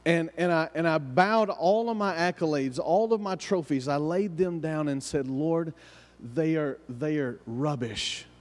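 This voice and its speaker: This preacher's voice sits a little high and moves at an unhurried pace. He hails from the southern United States, carries a Southern hillbilly accent, and leans on emphatic repetition and rhetorical questions, all captured in a reverberant hall.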